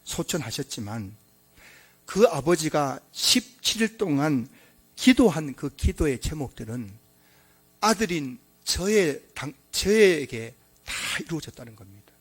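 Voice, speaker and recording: A male pastor preaching a sermon in an emphatic style, swinging between loud exclamations and quiet asides. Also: a little high, sing-song, unhurried, husky, faint music behind.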